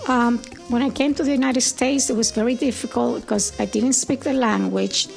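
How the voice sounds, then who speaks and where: An older woman in her seventies with a deeply gravelly, creaky voice that sits a little high. She recalls her life unhurriedly, pausing now and then to find the words, with soft music faint behind her. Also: steady tone. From Puerto Rico. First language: Spanish. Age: 70s. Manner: gentle, unhurried, with thoughtful pauses and "uh"s. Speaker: interviewee, grandmother. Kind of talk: reflective storytelling.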